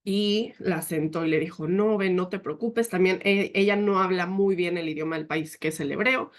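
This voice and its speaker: A woman's voice: on the low side, steady tone, moderate pace. A woman giving a leadership talk, telling a personal story in an earnest, emotional way. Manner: often quotes herself and others.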